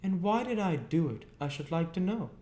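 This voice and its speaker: A man's voice: high voice, very animated, normal speed, dark tone, voice pushed up. A man voicing a furious, nagging working-class woman scolding her family in a storybook reading. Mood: scolding, aggrieved. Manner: exclamatory, nagging. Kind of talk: audiobook character reading. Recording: roomy echo, faint background noise.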